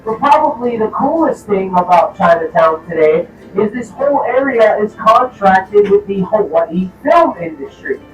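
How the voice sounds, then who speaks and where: A man's voice: sits high, expressive, normal speed, few pauses, roomy sound, highs cut off, soft background music. A man guiding a trolley tour, giving riders informative commentary, recorded from a distance on the moving trolley. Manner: informative, addresses riders directly. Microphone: distant, recorded by a tourist's camera.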